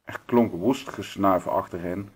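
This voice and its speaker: A man's voice: deep voice, unhurried, breathy edge. A man reading a children's book aloud, with occasional slips and restarts. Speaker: reader.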